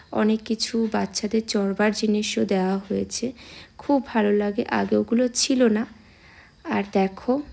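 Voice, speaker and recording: A young woman chatting casually to her viewers in a vlog, her voice a little hoarse from a cold, speaking outdoors on a phone camera. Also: on the high side, mellow. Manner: chatty, addresses viewers directly. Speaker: vlogger. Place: temple grounds outdoors.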